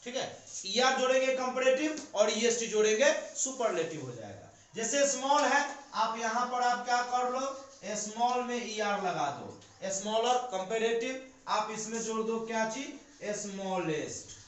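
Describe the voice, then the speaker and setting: A man's voice: very high voice, expressive, measured pace, a bit bright. A man teaching a grammar lesson to a class, explaining step by step and answering his own questions. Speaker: English teacher. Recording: very echoey room.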